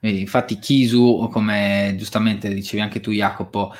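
A man's voice: lowish voice, flat delivery, moderate pace. A man hosting a casual talk show, hesitating as he searches for words. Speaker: host.

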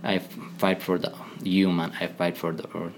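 A man with an Afghan accent, a former commando speaking as a podcast guest in halting English full of pauses and restarts. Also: sits low, monotone, creaky, slight background noise. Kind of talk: conversational interview.

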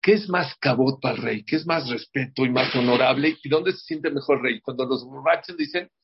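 Brisk and creaky, a mid-range male voice runs a pre-holiday religious class against a noisy background. He stresses his points, says words more than once, and often asks "ok?" of the group. The audio quality is dull and lo-fi.

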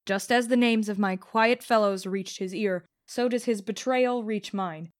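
A woman's voice: medium pitch, measured pace. A woman narrating an audiobook in the first person as a vengeful young rebel, bitter and contemptuous.

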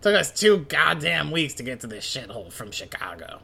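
Here is a crude, snot-nosed henchman who needles everyone in a gravelly, mocking drawl, as a man puts him on for a comic read-along. His voice is bright, sharp and rough with fry, and it sits a little higher than a plain speaking voice. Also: sing-song, a little fast, heavily acted. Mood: boastful. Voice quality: gravelly, coughing. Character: crude, snotty, gloating male henchman, adult. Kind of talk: manga read-along voice acting.

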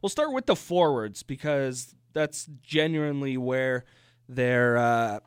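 A man co-hosting a casual hockey talk show, getting animated when he argues a point. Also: medium pitch, takes it slowly, smooth, no room sound, clean studio sound. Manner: animated, gets worked up arguing. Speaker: podcast co-host.

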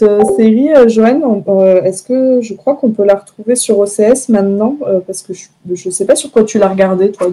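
A woman's voice: mid-range voice, darkish tone. A woman co-hosting a casual chat show, talking with many hesitations and fillers and laughing often. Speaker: podcast co-host presenting series picks.

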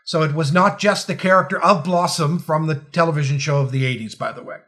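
A man's voice: on the high side, a little fast, fairly bright tone. A man co-hosting a casual movie commentary, joking and riffing on scenes with frequent fillers. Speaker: podcast co-host.

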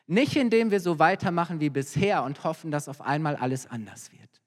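Man, preacher, sermon, earnest and emphatic, somewhat high voice, long hall reverb. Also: lively intonation, a little fast. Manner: earnest, emphatic retelling with rising urgency.

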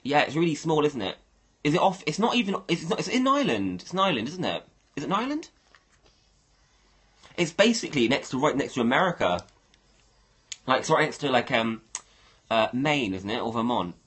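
A man's voice: mid-range voice, very animated, fairly quick, pauses often, a bit bright, slightly rough. A man hosting a casual livestream, rambling and thinking aloud as he talks to his viewers. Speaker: livestream host.

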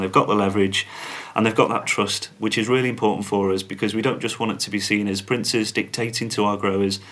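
A man speaking as a company spokesman on a podcast, giving measured, businesslike interview answers. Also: lowish voice, fairly bright tone. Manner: measured, corporate, uses fillers.

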